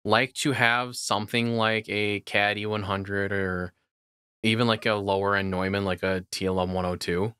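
Bright, crisp-voiced opinionated man. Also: fairly low pitch, level tone, normal speed, no echo, studio quality. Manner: opinionated, rambling about audio gear. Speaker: podcast co-host. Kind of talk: casual podcast chat.

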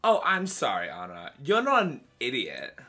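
A man's voice: mid-range voice, huge pitch swings, normal speed, pushed and bright, heavily acted. A man putting on a vain female TV star who sneers at everyone around her. The delivery is snide and mocking, full of self-importance. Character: vain, catty female TV actress. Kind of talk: reading game dialogue aloud.

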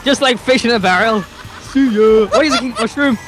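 A man's voice: very high voice, fairly quick. A man teasing his friends in a mock-dramatic way while playing a racing game. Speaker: gamer. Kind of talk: casual gaming chat. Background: game music.

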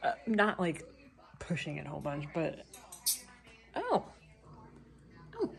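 A woman's voice: deep voice, normal speed, vocal fry. A woman rehabbing opossums, chatting offhandedly as she cleans and feeds them and talking to the animals, indoors at home. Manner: chatty and offhand, talks to the animals, casual swearing. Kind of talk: casual vlog chat while caring for animals.

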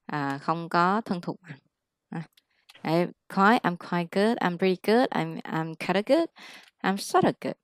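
Low-voiced woman teaching English. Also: lively intonation, no room sound. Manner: explains slowly, repeats words for drill. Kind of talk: casual tutoring session.

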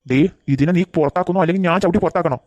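A woman's voice: fairly low pitch, darkish tone, dry recording, lightly acted. A woman doing a grumpy old cartoon grandpa. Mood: angry. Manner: scolding, quick-tempered. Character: grumpy old grandfather who hates dogs. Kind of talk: cartoon voice acting.

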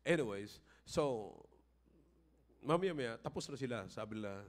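Speaking at a medium pitch and measured pace, an older pastor with a Filipino accent alternates between forceful, loud appeals and easygoing personal anecdotes in his sermon.

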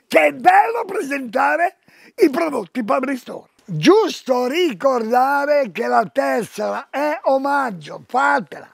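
An older man presenting products on a TV shopping show, talking loudly and exclaiming to viewers as he pitches items from the shop floor. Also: big pitch swings, takes it slowly, vocal fry, no echo. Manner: loud, exclamatory, keeps calling out to viewers. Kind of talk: live store sales pitch.

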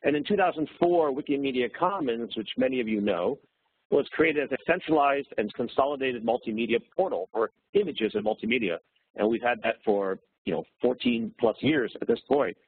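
A man's voice: mid-range voice, expressive, a little fast, breathy edge, dry recording. A man speaking on a phone to present a webinar, explaining steadily with fillers. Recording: dry, tinny phone line.

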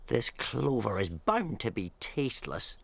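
A woman voicing a greedy, boastful highway robber rat in an animated film, swaggering and theatrical. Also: a little slow, vocal fry, noisy background, heavily acted.

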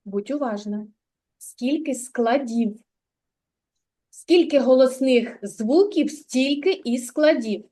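Slow, high-voiced kindergarten teacher. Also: female voice, warm tone. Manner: patient, encouraging, asks simple questions. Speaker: preschool teacher. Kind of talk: literacy lesson with a child. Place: kindergarten classroom.

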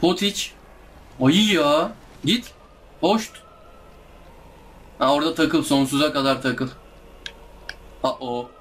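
A young man talks his way through a tough game, groaning, complaining and pleading with the enemies. His voice sits a little high for a man. A faint hiss of noise runs under the recording. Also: slow pace, pauses often, a bit bright. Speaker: gameplay streamer. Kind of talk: live gameplay commentary.

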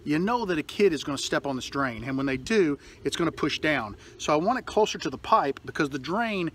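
This man in his forties has a slightly high, expressive, brisk and somewhat bright voice, with a bit of hiss or hum in the audio. He's a workshop vlogger rambling chattily through a DIY video, shot on a phone at arm's length out in his backyard and garage, with plenty of fillers and false starts.

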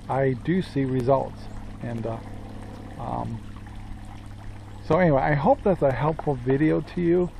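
A homestead vlogger in his sixties from Central Oregon, USA, talks casually to a close camera in selfie framing out in his sunny, tree-lined yard. He rambles with many ums, asking and answering his own questions. His medium-pitched voice is gravelly, with a noisy background.

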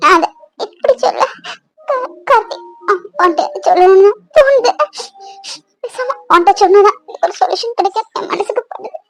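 A woman's voice: very high voice, animated, moderate pace, long pauses, faint music behind, low-quality recording. A woman voicing an anxious, tearful young bride-to-be in a cartoon, pleading through her worries. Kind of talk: cartoon voice acting.

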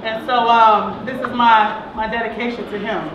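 A woman performing spoken word poetry on stage, rhythmic and rising to shouts. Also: a little high, steady tone, normal speed, muffled recording, background noise. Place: large hall. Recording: echoey hall from far off.

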